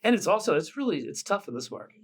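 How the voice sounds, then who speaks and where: A man's voice: high voice, sing-song, quick pace. A man hosting a podcast, asking questions and agreeing often in a casual interview. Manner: agreeable, prompts with many yeahs. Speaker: podcast host.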